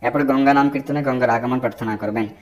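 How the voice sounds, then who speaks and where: A man giving devotional ritual instruction in a firm, teaching manner, slowing down to chant Sanskrit mantras in a measured way. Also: medium pitch, steady tone. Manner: firm, didactic and prescriptive. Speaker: Vaishnava religious instructor.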